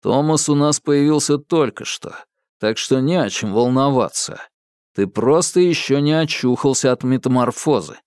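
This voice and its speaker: A composed young leader speaks in an even, low, measured tone that carries quiet menace, as a male storyteller voices him. Nothing rattles him. The recording is close and dry. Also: clean tone, no room sound, lightly acted. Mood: calm, firm. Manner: calm, low and steady.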